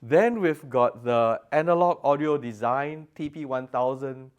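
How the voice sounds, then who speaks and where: Speaking with a smooth, medium-pitched voice at a measured pace, a man gives a product demonstration in an interview in an exhibition room at an audio show. As the designer, he explains technical details with emphasis, and the recording has its highs cut off.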